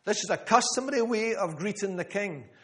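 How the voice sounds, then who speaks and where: A man's voice: sits high, lively intonation, a little fast. A man preaching a sermon to a room, emphatic, repeating key phrases and calling on listeners by name. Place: church gathering room.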